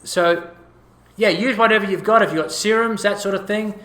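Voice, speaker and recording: Casual male instructor, higher pitch, easygoing, counts out each stroke while demonstrating. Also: normal speed, a bit bright. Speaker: gua sha instructor.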